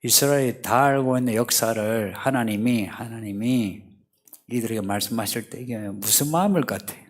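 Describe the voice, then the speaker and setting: A man's voice: medium pitch, brisk. A man preaching a sermon as a pastor at a church service, asking the congregation rhetorical questions.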